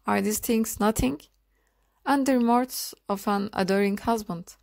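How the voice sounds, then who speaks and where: A woman's voice: medium pitch, measured pace, gravelly, darkish tone, no echo. A woman voicing an effusive older society aunt in an audiobook, reading her lines in a gushing, theatrical manner.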